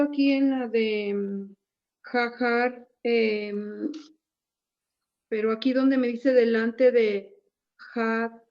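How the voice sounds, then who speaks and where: A woman's voice: fairly high pitch, darkish tone. A woman student asking questions in an online class, hesitant and searching for her words. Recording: dull lo-fi call audio.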